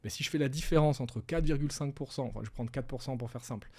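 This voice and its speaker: Mellow-voiced man explaining patiently. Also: mid-range voice, fast talker. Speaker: wealth management advisor, guest. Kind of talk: casual explanatory interview talk.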